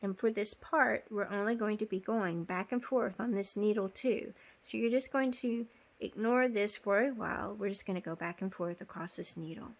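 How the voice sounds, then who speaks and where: A woman talks through a sock-knitting lesson in a relaxed, conversational way. She is chatty and a little apologetic, and fills her pauses with ums. She sounds like she is recording herself on a phone. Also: medium pitch. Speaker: knitting tutorial host. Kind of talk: casual step-by-step knitting tutorial.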